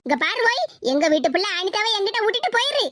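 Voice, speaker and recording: A woman's voice: very high voice, big pitch swings, fast, a bit bright, a little hiss or hum, exaggerated voice. A woman voicing a bold village woman with a Tirunelveli accent, defying and threatening a man in a cartoon. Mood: defiant. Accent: Tirunelveli Tamil. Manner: defiant, threatening. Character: bold village woman defending a runaway girl.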